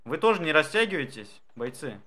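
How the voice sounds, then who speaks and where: A man's voice: a little high, very animated, a little fast, sharp tone. A man giving casual instructions to others over game voice chat. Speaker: participant helping direct the drill.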